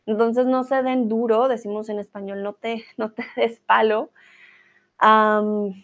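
Encouraging woman teacher, dull lo-fi sound. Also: fairly high pitch. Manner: encouraging, laughs often, says "¿vale?". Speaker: language teacher. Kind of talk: live online class, answering viewers' comments.

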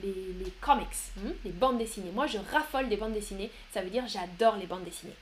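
A woman's voice: medium pitch, a little fast, a little hiss or hum. A young woman teaching a live online vocabulary lesson, reading out students' chat answers and explaining them. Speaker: French teacher.

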